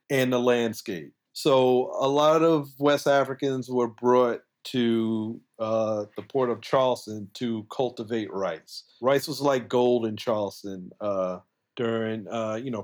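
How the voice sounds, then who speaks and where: Man, casual and conversational. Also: medium pitch. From coastal South Carolina, US. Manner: conversational, colloquial, frequent "like" and "you know". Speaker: podcast guest, brewer. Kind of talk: casual explanatory interview talk.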